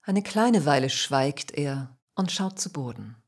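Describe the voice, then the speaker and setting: Woman telling her own spooky-spiritual story, low husky voice, slow and calm. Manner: calm, measured, soft-spoken. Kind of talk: first-person spiritual story narration.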